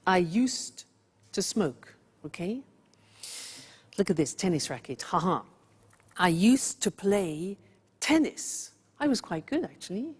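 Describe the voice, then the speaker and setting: A woman teacher from England speaks slowly and carefully, laying out a grammar point step by step. Her voice has a husky edge, and a long hall reverb trails behind her words. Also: lowish voice, big pitch swings. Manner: slow, clear, showing props. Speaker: English teacher. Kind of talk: scripted grammar lesson.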